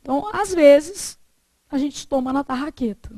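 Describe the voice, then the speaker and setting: In a dry recording, a high-voiced woman with a dark tone teaches grammar to a Portuguese class. Her lesson involves slow dictation and fill-in-the-blank questions that the students answer.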